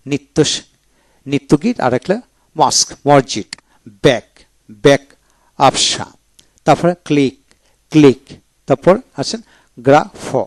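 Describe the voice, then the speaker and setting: A man teaching English pronunciation in a video lecture, saying each word twice, slow and deliberate. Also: mid-range voice, dry recording.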